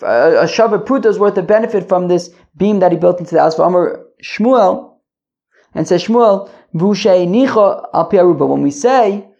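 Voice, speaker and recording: A creaky-voiced man gives an informal religious lesson. He reads aloud and then explains, often halting to think and repeat himself. The recording is dull and lo-fi. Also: high-pitched, a little mellow. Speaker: Talmud teacher.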